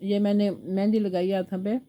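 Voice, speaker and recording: A woman's voice: medium pitch, little pitch movement, moderate pace, highs cut off. Chatty older grandmother with a sore throat. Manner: chatty, rambling storytelling, baby talk to the grandchild. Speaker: home vlogger and grandmother. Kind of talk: casual home vlog chat. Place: at home, indoors, sitting with a baby.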